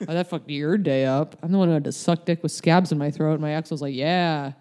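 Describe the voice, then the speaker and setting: Young woman, casual podcast guest; mellow tone, candid, meandering delivery. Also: low-pitched, steady tone, fast. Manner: rambling, filler-heavy, candid. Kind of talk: casual chat. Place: LA area.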